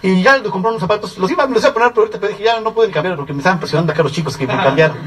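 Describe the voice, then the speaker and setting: Fast-talking Mexican man addressing a seminar. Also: sits high, distant mic, low-quality recording. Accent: Mexican Spanish. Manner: rapid, animated storytelling with frequent "¿sí?" check-ins. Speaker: seminar speaker. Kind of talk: testimonial speech to an audience.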